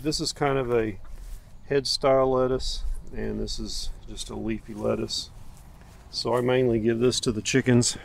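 Showing off his garden in a casual, unscripted outdoor tour, a homestead vlogger speaks with a mid-range voice and vocal fry. His manner is folksy and plainspoken, and faint ambient noise sits in the outdoor recording.

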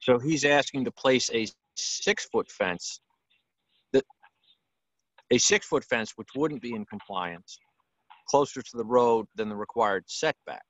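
A man serving as a town official, explaining and correcting a point in a measured way over a call. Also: medium pitch, a bit bright, dry recording, rough recording. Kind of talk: video call meeting.

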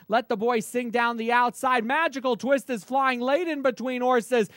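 Man, race caller, live horse racing commentary, high pitch, urgent running delivery, dry sound. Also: fairly bright tone, dry recording.

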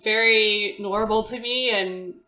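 Young woman from indonesia, bright voice, unhurried and theatrical, roomy echo. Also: mid-range voice. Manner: animated, theatrical, laughs often. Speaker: podcast guest. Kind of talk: casual chat.

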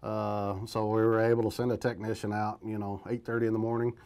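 Service manager guy in an office, low and pretty monotone, just explains it plain. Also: a little fast, clear, resonant tone. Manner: plain, matter-of-fact explaining. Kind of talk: casual interview. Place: office, indoors.

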